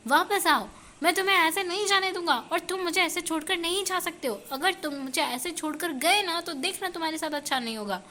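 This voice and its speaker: A petulant, sulky young man who takes offence easily, voiced by a woman. The tone is high and tense. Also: brisk, pushed and bright. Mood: furious. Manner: indignant and sulky.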